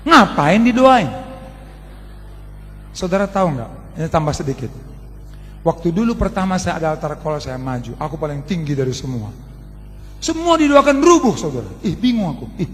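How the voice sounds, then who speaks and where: Brief: high-pitched male pastor, lively colloquial sermon, echoing through a large church hall. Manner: animated, colloquial, addresses the congregation as "saudara". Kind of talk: storytelling sermon. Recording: long reverb of a large hall.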